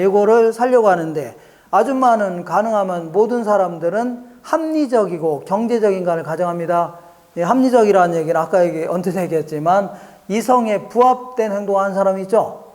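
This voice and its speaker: A Korean man with a high voice and a darkish tone gives an exam prep lecture. He keeps asking his class questions and acts out little market scenes as dialogue.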